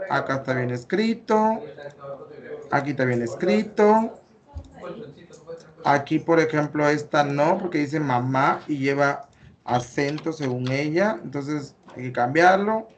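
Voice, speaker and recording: A man's voice: on the high side, slight background noise. A man with a Mexican Spanish accent, teaching an online class and going over student work step by step, with many fillers. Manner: explains step by step, corrects patiently, many fillers.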